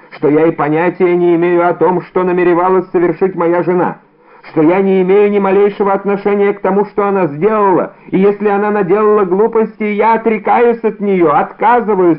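A man doing a shrill, pleading haberdasher. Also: natural voice. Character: frantic pleading middle-aged male haberdasher. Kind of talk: audiobook character reading. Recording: tinny phone-like sound.

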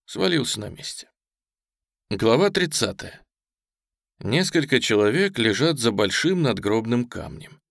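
Male audiobook narrator, even and measured, medium pitch, dry close sound. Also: creaky, no room sound. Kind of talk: scripted narration.

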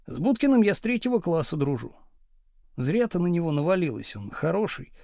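A man reading an audiobook, voicing a meek, joking young husband who speaks softly and mildly. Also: a little high, big pitch swings, a little fast, vocal fry, dry recording, clean studio sound. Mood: meek, wry. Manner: soft, mild, meek.

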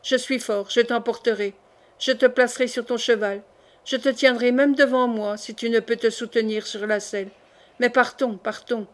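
A woman's voice: on the high side, steady tone, moderate pace, close to an everyday voice. Woman reading as a bold young nobleman. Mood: urging.

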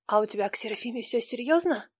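A man voicing a playful, sly young woman, lifted far above his own pitch in an audiobook. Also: lively intonation, moderate pace, fairly bright tone, dry recording, studio quality. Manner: sly, squealing.

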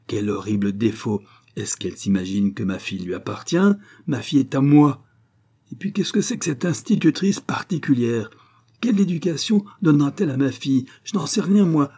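A man's voice: on the low side, animated, moderate pace, few pauses, darkish tone, slightly rough. A man voicing an irate, self-centered aristocratic father in an audiobook, blustering and indignant.

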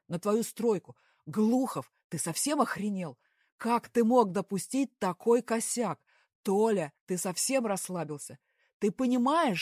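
A woman voicing an enraged male company director who shouts at an employee, his voice climbing with each phrase. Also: mid-range voice, no echo, clean studio sound, lightly acted.

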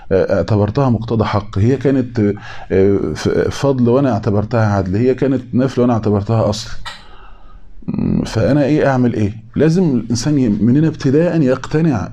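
A man with an Egyptian Arabic accent giving an informal religious talk. He speaks conversationally, acts out imagined people in quick back-and-forth, and slows down to repeat key phrases for emphasis. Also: mid-range voice, dark tone. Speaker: preacher.

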